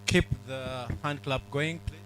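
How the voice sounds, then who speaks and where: A middle-aged man, giving an earnest, measured public speech at a book launch, with pauses and fillers. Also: medium pitch, fairly even intonation, fairly bright tone, a little hiss or hum, poor audio. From Uganda.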